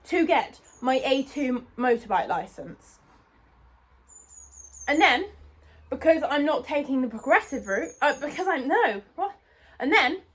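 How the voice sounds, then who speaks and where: A young British woman of about nineteen rants indignantly into her phone outdoors beside a road, with cars passing, for a vlog. Her high voice comes through on a rough phone-mic recording.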